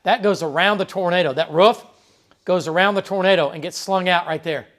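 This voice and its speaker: A man's voice: high voice, a little fast, a bit bright. A TV meteorologist, a man, giving live severe weather coverage in a conversational way, talking through the radar with frequent fillers. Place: TV weather studio.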